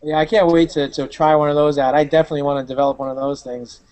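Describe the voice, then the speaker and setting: A man hosting a tech show, joking loosely and excitedly as he comments on videos. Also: on the high side, quick pace, dry recording. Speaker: podcast host. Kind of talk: casual chat commenting on videos.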